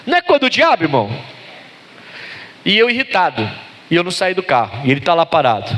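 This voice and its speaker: Middle-aged Brazilian pastor, high-pitched, sermon delivery with anecdotes and sudden emphatic bursts. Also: male voice, quick pace. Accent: Brazilian Portuguese. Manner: storytelling, swings from low calm to high emphatic.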